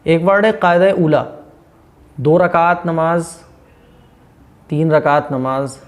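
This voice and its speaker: A man teaching the correct pronunciation of prayer phrases, asking questions and answering them himself, stretching each phrase out slowly and repeating it. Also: fairly high pitch. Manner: drawls Arabic phrases syllable by syllable. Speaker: religious teacher.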